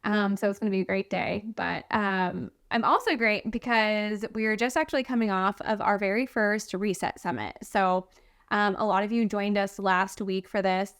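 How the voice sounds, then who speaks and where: A woman in her thirties co-hosts a podcast in a loose, chatty way, full of "like" and "um" and quick laughs. Her voice is smooth and clean, sitting at a middle pitch. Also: steady tone, a bit bright. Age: 30s. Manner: chatty, filler-heavy, laughs often. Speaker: podcast co-host. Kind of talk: casual podcast chat.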